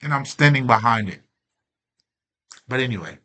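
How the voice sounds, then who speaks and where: A man's voice: medium pitch, animated, moderate pace, bright, forceful tone. A man hosting a self-help channel, talking in a rambling, streetwise way with lots of slang and fillers, laughing often and openly emotional. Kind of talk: casual spiritual monologue.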